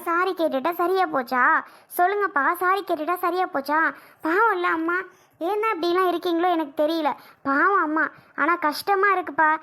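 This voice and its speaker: A defiant young daughter argues back at her father in a homemade family skit, played by a girl. Her voice is very high and bright. She talks in an insistent, pleading and indignant way.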